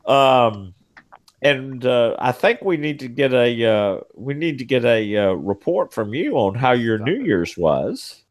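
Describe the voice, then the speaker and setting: Chatty podcast man with a lively voice. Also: mid-range voice, slow pace. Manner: rambling storyteller, frequent fillers. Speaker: podcast co-host. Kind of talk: casual banter.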